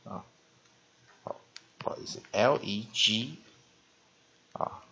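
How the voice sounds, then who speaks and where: A man's voice: lowish voice, slow, creaky, bright, forceful tone, husky. A man teaches English vocabulary at a whiteboard, explaining step by step, spelling words out and often drawing out a filler "ah". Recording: dull lo-fi recording.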